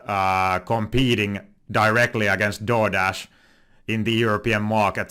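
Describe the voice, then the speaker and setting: A man's voice: fairly low pitch, fairly bright tone. A young Finnish man with a Finnish accent hosting a casual finance commentary video, talking with frequent "uh"s and self-corrections. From Finland. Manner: many filler "uh"s and restarts. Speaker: finance channel host.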